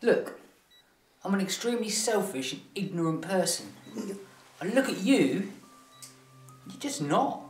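A man's voice: high-pitched, big pitch swings, unhurried, long pauses. Film drama: male actor as irritable, sardonic British petty crook, roomy off-mic sound with music. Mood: wry, subdued. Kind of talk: naturalistic film acting. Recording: echoey room, distant mic, music behind.

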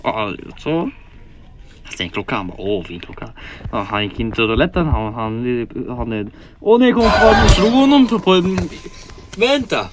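A man doing playful game commentary, his pitch jumping up and down as he talks. He narrates each move and voices the character's thoughts in quick, jokey asides. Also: sing-song, background noise. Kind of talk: playful Let's Play commentary.

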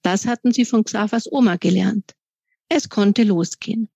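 Woman author, reading her kids book, calm measured, mellow voice, dry dull recording. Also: medium pitch, gravelly, husky, no echo.

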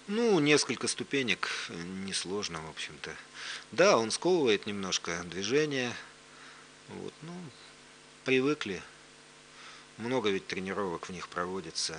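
A man's voice: on the low side, big pitch swings, unhurried, a bit bright. A man speaking as an expert guest, giving matter-of-fact explanations in unscripted live commentary. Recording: faint hum and background noise.

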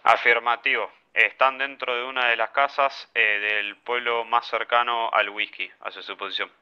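Un hombre transmite por una radio táctica con sonido opaco y recortado, en tono formal y preciso de radioperador. Su voz es tensa y enérgica, con una articulación nítida. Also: male voice, mid-range voice, fairly even intonation, moderate pace, pushed and bright, clean tone, lo-fi sound. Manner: clipped formal radio talk with "afirmativo" and "cambio". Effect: voice over in-game radio. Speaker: player acting as squad radio operator. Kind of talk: military radio procedure in a milsim game.

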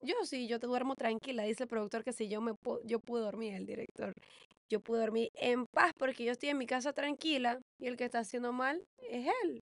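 A woman chats as a podcast co-host, telling her story with quoted back-and-forth and a few English words mixed in. Her voice runs a little high with a gravelly fry. It is recorded close and dry. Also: fairly even intonation, fairly quick, no room sound. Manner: chatty, mixes in English words, quotes dialogue dramatically. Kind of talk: casual chat.

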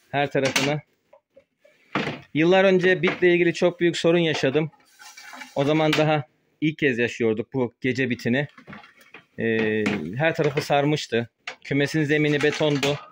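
A man's voice: fairly high pitch, moderate pace, long pauses, noisy background. A man speaking through a face mask, slightly muffled, explaining informally as he works and films a casual poultry-keeping vlog. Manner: explains informally while working with a sprayer. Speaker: host of a poultry-keeping channel. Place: small wooden chicken coop. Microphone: handheld phone camera, held while working.

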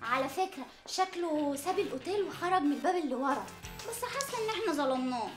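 A naive, whiny Egyptian daughter. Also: female voice, sits high, expressive, quick pace, faint music behind. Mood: suspicious. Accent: Egyptian Arabic. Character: naive, clingy young daughter, easily shocked. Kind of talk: sitcom acting. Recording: roomy set sound.

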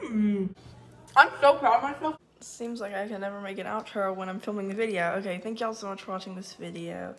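A teenage vlogger with a mid-range, fairly bright voice talks briskly while baking in her kitchen, rambling and teasing herself. Her phone camera sits at a distance, so the sound is roomy and off-mic, with music playing.

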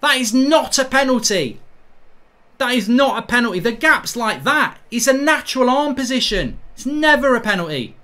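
Ranting football fan, bright voice. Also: male voice, very high voice, very animated, normal speed. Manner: swearing, exasperated ranting that bursts into shouting. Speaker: football fan channel host. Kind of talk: live match reaction rant.

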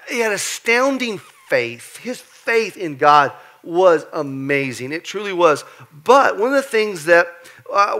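A man preaching to his church in a loose, conversational style, animated and playful. His voice sits high for a man and has a bright, forward edge. He tells the story like a storyteller and jokes along the way. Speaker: pastor. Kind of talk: lively conversational sermon. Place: church sanctuary.

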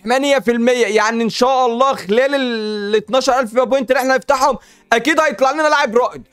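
Excitable fast-talking Egyptian man. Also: extremely high pitch, smooth, no room sound. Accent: Egyptian Arabic. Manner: excitable, chatty, pleads with viewers and the game. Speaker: gaming YouTuber host. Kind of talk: casual gaming commentary while opening packs.

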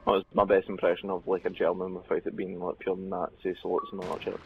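A man's voice: deep voice, quick pace, gravelly, dull audio, a little hiss or hum. A man chatting casually while playing a video game, joking and swearing a lot. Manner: joking, crude, excitable. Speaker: gamer. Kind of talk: casual gaming chat.

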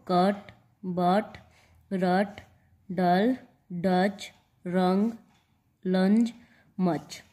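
Slow, mellow-voiced woman teaching shorthand. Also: on the low side, husky. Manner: spells out letters and repeats example words. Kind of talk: slow step-by-step lesson.

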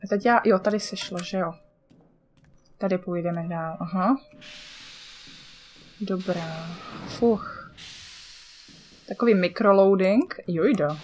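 A woman's voice: medium pitch, darkish tone, slight background noise. A chatty woman with a Czech accent talks her way through a game in loose let's-play commentary. She mutters to herself and curses at what happens on screen. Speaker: gamer.

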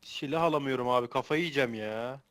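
A man's voice: mid-range voice, fast, a bit bright. A man playing along as co-player in casual gaming banter, blurting short exclamations.

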